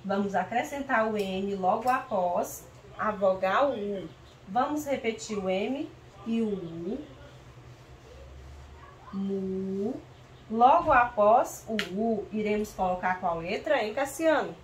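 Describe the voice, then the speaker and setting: A woman teacher from northeastern Brazil leading a slow, patient reading lesson for young children, sounding out syllables clearly and calling on pupils by name. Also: mid-range voice, lively intonation. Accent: Brazilian Portuguese, northeastern. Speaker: primary school teacher. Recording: roomy, distant mic with faint noise.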